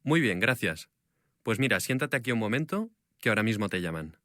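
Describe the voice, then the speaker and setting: Brisk receptionist, textbook audio, bright, animated. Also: male voice, fairly low pitch, a little hiss or hum. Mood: friendly. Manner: brisk, lively questioning. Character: friendly male receptionist. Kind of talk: scripted textbook audio dialogue.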